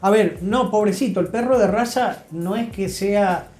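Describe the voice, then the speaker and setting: A high-pitched, slightly mellow man with an Argentine accent, a health professional, gives advice at a moderate pace as an interview guest. He's conversational yet emphatic, repeating phrases for effect, with a roomy echo and music in the background.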